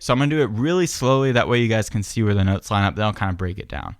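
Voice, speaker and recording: A man with a lowish voice talks at a racing pace, giving a casual, patient piano tutorial step by step. He's a piano and beatbox teacher who stays relaxed and starts many sentences with "so," while piano plays in the background.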